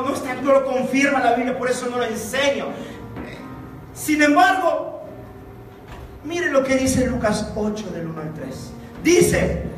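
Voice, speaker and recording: A man preaches slowly in a high voice, leaning on repetition and breaking into fervent shouts. He sounds far from the mic in a very echoey sanctuary, with soft music underneath. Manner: impassioned preaching, rising to shouts; slow, deliberate phrasing with repetitions. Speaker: pastor. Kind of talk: sermon. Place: church sanctuary.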